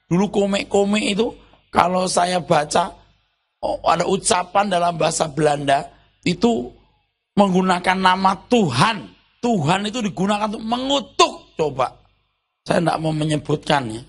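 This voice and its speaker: A man's voice: high-pitched, expressive, normal speed. A man pastor preaching a sermon in a loose, colloquial way, tossing rhetorical questions at the congregation.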